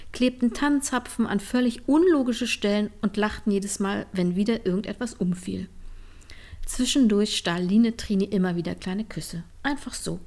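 A woman narrating a storybook tale gently, often softening to a whisper. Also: a little high.

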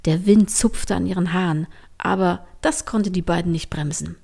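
A woman narrating a storybook in a gentle, lilting way, sometimes dropping to a hush. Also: on the low side, normal speed, gravelly.

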